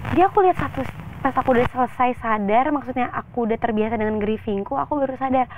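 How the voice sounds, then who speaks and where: A young woman actress, a guest in an interview, talking openly and telling a personal story in a chatty, animated way with quoted voices. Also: a little high, fast talker, background noise. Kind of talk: candid interview talk. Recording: tinny phone-like sound.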